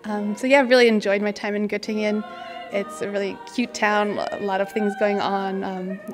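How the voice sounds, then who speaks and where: A woman's voice: medium pitch, little pitch movement, moderate pace, loud music behind the voice. A young woman from the United States chatting to camera with casual fillers. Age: young adult. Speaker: exchange student.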